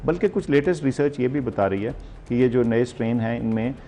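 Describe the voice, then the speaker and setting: Measured Pakistani man with gravelly voice. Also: mid-range voice, dark tone, slight background noise. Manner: measured, polite, explanatory. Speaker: health official guest. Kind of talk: interview answers.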